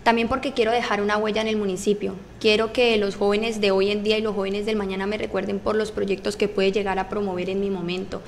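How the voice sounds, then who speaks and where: A woman's voice: mid-range voice, little pitch movement, quick pace, hardly any pauses, a little hiss or hum. A woman, answering interview questions in an earnest, formal, prepared way at a studio desk mic. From Colombia. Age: 20s. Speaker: council candidate. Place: small radio studio.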